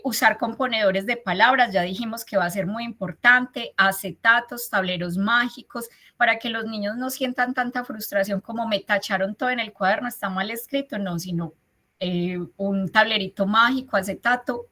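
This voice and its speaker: A woman's voice: mid-range voice, pushed and bright. A woman with a Colombian Spanish accent giving a teacher training talk on teaching reading and writing, explaining step by step with frequent fillers. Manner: explanatory, uses fillers like "eh" and "entonces".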